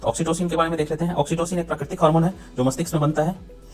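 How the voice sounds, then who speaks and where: A man teaches a biology lesson for exam students, speaking Hindi laced with English terms. He talks fast in a fairly high voice, repeats key points, and keeps checking that the class is following. Faint music plays behind him. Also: level tone, darkish tone. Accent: Hindi mixed with English terms. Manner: repeats points, ends phrases with frequent checks for understanding.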